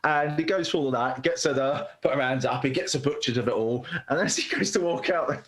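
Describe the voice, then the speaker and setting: A man's voice: mid-range voice, fairly quick, a bit bright. A man co-hosting a podcast, chatting casually about films and laughing as he retells scenes. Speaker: podcast co-host. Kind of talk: casual film chat.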